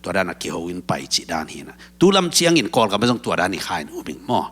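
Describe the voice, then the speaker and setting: A man with a very deep voice chats on a talk show. He talks in a relaxed, easy way and often murmurs agreement while others talk. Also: very fast. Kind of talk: casual talk-show conversation.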